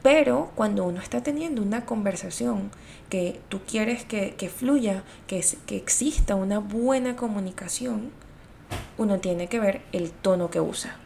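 A woman, a video host giving communication tips in a chatty, expressive way, talking straight to her viewers. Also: mid-range voice, a little slow, gravelly, a little hiss or hum. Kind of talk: casual explainer talk.

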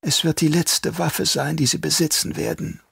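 A man voicing a sly, half-mad old doctor who turns traitor, speaking in a hushed, whispery, drawn-out voice. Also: on the high side, flat delivery, gravelly, husky, no echo, studio quality, voice pushed up, full character voice. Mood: sly menace.

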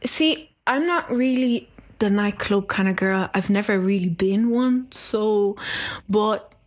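A woman's voice: medium pitch, slow. A woman in her twenties with an Irish accent, a podcast guest chatting casually, laughing often and acting out the people she quotes. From Democratic Republic of Congo, raised in Ireland. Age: 20s. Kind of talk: casual interview chat.

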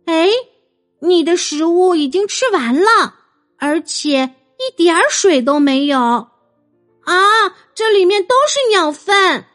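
A woman's voice: extremely high pitch, animated, moderate pace, fairly bright tone, soft background music, voice pushed up. A woman voicing a caring young girl who talks in an urgent, pleading way. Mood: dismayed.

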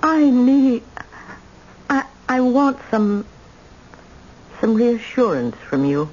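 In old-time radio drama style, an older woman plays an indomitable, bitter grandmother who is imperious and emphatic, with a pleading, brooding mood. Her voice is a little high and very animated, with a slow pace and a darkish tone. The old radio recording sounds dull and noisy.

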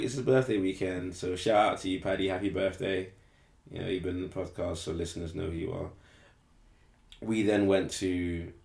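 Young man, very deep voice, casual rambling podcast talk, self-correcting, echoey room. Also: gravelly, a little mellow. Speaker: podcast co-host. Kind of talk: casual chat.

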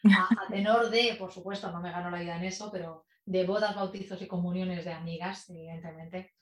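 Chatty, expressive woman in an echoey room. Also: lowish voice, brisk. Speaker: guest, public speaking expert. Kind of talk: casual conversational interview. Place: in person in a room with the host.

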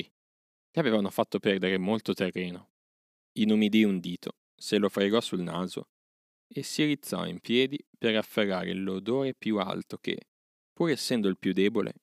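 A man narrating a classic jungle story as an audiobook in a steady, even storytelling manner. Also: sits low, vocal fry, no echo, studio quality.

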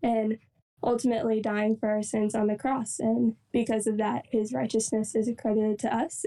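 A young woman, a campus ministry coordinator, giving an earnest, unhurried devotional reflection with soft fillers. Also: fairly high pitch, creaky, recorded from a distance, low-quality recording.

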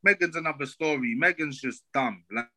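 A man's voice: on the high side, brisk, pushed and bright. A man with an urban London street accent, arguing his opinions in casual roadman slang with emphatic rhetorical questions, as a podcast co-host.

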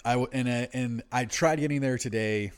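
A man co-hosting a podcast, casually discussing music in a laid-back, slangy, sweary stoner manner, as someone who is habitually high. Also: normal speed, clean tone. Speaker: podcast co-host.

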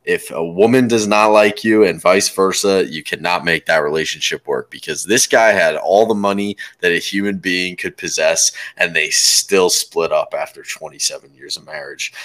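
Deep-voiced man in casual podcast banter. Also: fairly bright tone. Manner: joking, rambling with many fillers. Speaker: podcast co-host.

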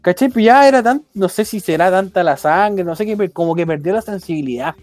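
Chilean dude rambling thru a crude story, slangy, fillers everywhere, faint music behind. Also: male voice, high voice, expressive, brisk, darkish tone, no room sound. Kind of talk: casual chat.

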